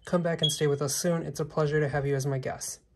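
Low-key man narrating while exploring. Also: steady tone, fast talker, a little mellow. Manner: low-key, remarks on found objects. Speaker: urban explorer. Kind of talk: quiet handheld exploration vlog commentary. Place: abandoned hotel, indoors, walking through rooms.

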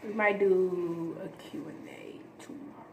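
A woman's voice: fairly low pitch, steady tone, a little slow, roomy sound, slight background noise. A teenage girl chatting casually with friends for a vlog on a phone camera, giggly and talking over the others. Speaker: vlogger. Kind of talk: casual chat. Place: outdoors near apartments.

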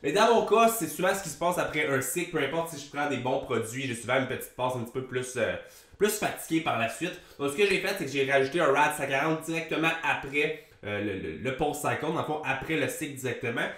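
Speaking to camera in a small room with a plain grey wall, the young fitness coach from Quebec talks fast in a Québécois French accent, nasal from a head cold. His medium-pitched voice echoes in the room as he casually vlogs, animated, gesturing a lot and swearing casually, into a large desk mic on a boom arm.

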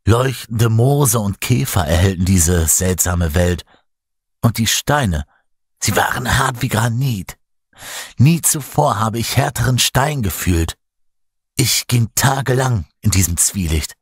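Male narrator doing a risen dead man, weak, haunted, gurgling rasp, slow faltering words, husky horror audiobook. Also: fairly low pitch, animated, no room sound, studio quality, full character voice. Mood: grim. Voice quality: gurgling, rattling voice. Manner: halting, faltering speech.

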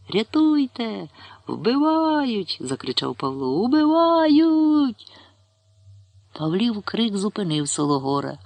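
Gravelly male storyteller, dry close mic. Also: mid-range voice, dry recording. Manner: expressive storytelling. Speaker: narrator. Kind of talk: scripted narration of a short story.

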